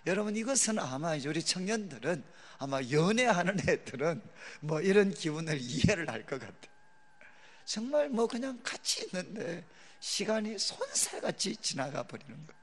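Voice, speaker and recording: A male pastor preaching a sermon to his congregation, acting out prayers with dramatic emphasis and slowing down on key words. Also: sits high, big pitch swings, big-room sound. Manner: dramatic, acts out quoted prayers, slows for emphasis.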